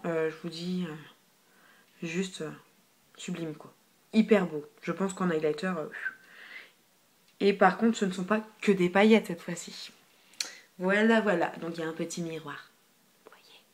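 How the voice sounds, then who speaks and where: Recorded on a phone camera with a little hiss or hum, a young beauty vlogger talks through a casual product haul review. Her voice runs on the low side, and she's chatty and filler-heavy, repeating words like "hyper" and occasionally falling nearly to a whisper.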